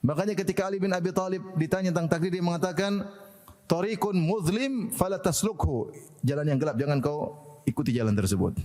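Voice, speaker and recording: A man's voice: on the high side, fast talker, a little mellow, in a large hall. A man giving a religious lecture, laughing often and asking his listeners rhetorical questions. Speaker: Islamic preacher.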